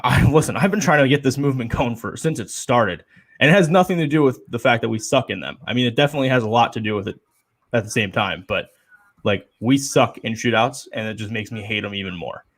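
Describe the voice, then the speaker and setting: A man's voice: medium pitch, animated, fast. A young man co-hosting a casual sports chat show, rambling and opinionated with lots of fillers. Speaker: podcast co-host.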